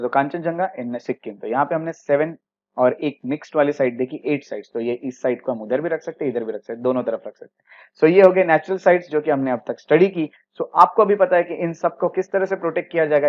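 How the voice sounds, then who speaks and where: A man's voice: on the high side, a little mellow, highs cut off. Indian man teaching an exam-prep history lecture. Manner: explains step by step, in Hindi mixed with English words.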